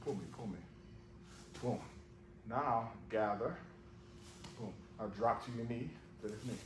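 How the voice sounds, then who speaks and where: The recording, made on a camera resting on the floor, captures echo and background noise in a large gym. There a man with a mid-range voice coaches judo at a measured pace, calling out short commands and repeating his cues in hands-on instruction.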